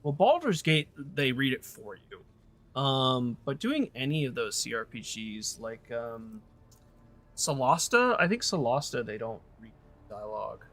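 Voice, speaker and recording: A man's voice: medium pitch, big pitch swings, unhurried, fairly bright tone. A man streaming a video game, chatting casually and thinking aloud in a rambling way with lots of fillers. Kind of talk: casual gaming stream chat.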